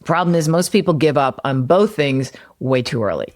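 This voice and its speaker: A woman's voice: low-pitched, expressive, normal speed, a little mellow. A woman hosting a solo podcast, explaining marketing ideas in a conversational way with everyday examples. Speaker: podcast host and copywriter; former personal trainer.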